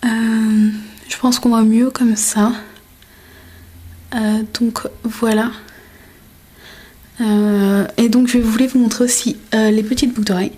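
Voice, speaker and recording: A woman's voice: a little high, fairly even intonation, moderate pace, mellow. A young woman chatting casually in a makeup haul vlog at home by a window, with many hesitations. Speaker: beauty vlogger.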